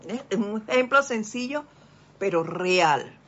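An older teacher leads a spiritual lesson at a very slow, deliberate pace, stretching key words. The voice is bright and forceful. The recording sounds dull and lo-fi. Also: medium pitch, animated, slight background noise. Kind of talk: spiritual lesson, reading a text aloud and commenting.

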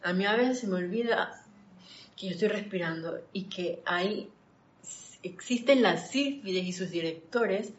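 A woman leads a live-streamed spiritual class in a slightly low voice. She talks in a chatty, digressive way, greeting viewers and telling everyday stories. The audio is dull and lo-fi. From Panama. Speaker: spiritual study group leader.

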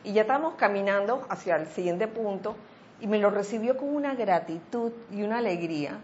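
A woman co-hosting a casual talk, telling a story with animated quoted voices. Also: mid-range voice, brisk. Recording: slightly dull audio with faint noise.

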